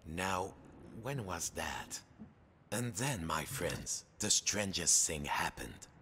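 An actor narrating a video game like a storybook, theatrical and playful. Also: male voice, low voice, sing-song, slow pace, pushed and bright, a little hiss or hum, full character voice. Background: game music.

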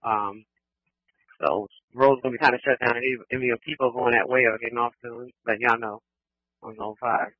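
A man's voice: mid-range voice, fairly even intonation, brisk, dry recording. A man giving informal, conversational advisories over emergency radio. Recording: muffled scanner radio audio.

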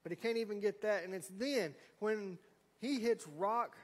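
Folksy preacher, high voice, church echo. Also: male voice, normal speed. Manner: folksy storytelling with acted quotes. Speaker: pastor. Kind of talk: sermon. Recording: long hall reverb.

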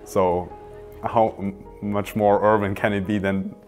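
A man in his twenties, an industrial designer, calmly explaining his project in a documentary interview with a few restarts. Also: on the low side, measured pace, soft background music. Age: 20s. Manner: calm, explanatory, some restarts. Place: indoor hallway by large windows.

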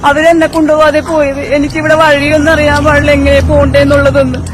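A woman's voice: high-pitched, level tone, fast talker, over music. A middle-aged woman vlogging on her phone while walking outdoors, talking in a plaintive, resigned way to her followers. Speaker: vlogger filmed in a clip. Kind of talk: selfie vlog update. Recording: noisy street phone recording. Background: street traffic and crowd noise.

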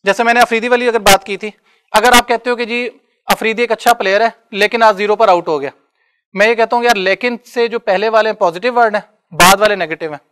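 A man's voice: high voice, fairly bright tone, smooth. A man lecturing students in a classroom, conversational and often checking that they follow. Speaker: university lecturer.

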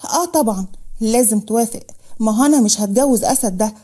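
A woman's voice: on the high side, fast talker, mellow, breathy edge. A woman voicing an impulsive young woman in love, eager and headstrong, with an Egyptian accent, in a storybook reading.

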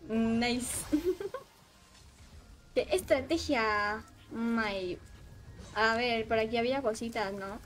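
A woman streaming a game, chatting casually with her viewers and getting excitable as she plays. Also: on the high side, very slow, long pauses, faint music behind. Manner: excitable, shrieks and laughs while playing, chats with viewers. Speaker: livestreaming gamer. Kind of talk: casual gaming livestream chat.

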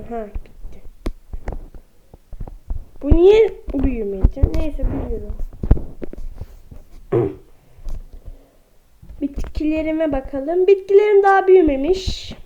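A woman's voice: high-pitched, expressive, slow pace, long pauses, warm tone. A woman giving casual gameplay commentary, chatting to her viewers as friends and sounding slightly under the weather. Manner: chatty, talks to viewers as friends, exclaims at animals. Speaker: gaming vlogger. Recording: dull lo-fi recording with faint noise.

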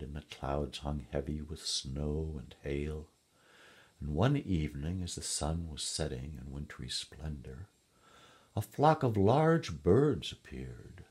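A man reading a fairy tale aloud in a gentle, measured storybook style. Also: deep voice, husky.

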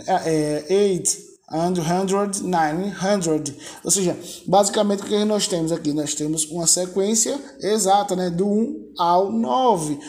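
A man's voice: high voice, a little mellow. A man teaching an online English lesson, patiently drilling numbers by repetition and often checking in with tag questions.

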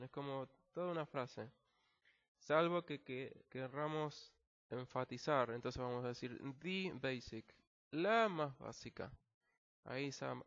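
A Latin American man teaching an English lesson over slides, explaining slowly, repeating words and restarting phrases. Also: mid-range voice. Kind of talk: recorded online lesson. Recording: dull lo-fi recording.

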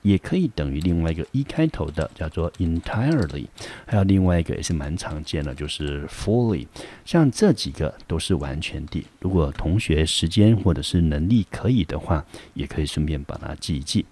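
A man with a Taiwanese Mandarin accent, a high school English teacher giving a patient classroom lecture, translating and reading English lines slowly. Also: animated, warm tone, husky. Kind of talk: classroom lecture explaining a textbook.

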